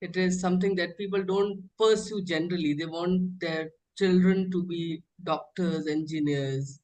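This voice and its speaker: A man with an Indian accent hosting an informal interview, phrasing his questions haltingly and repeating words. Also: high-pitched, steady tone, darkish tone, poor audio. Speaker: interviewer, host.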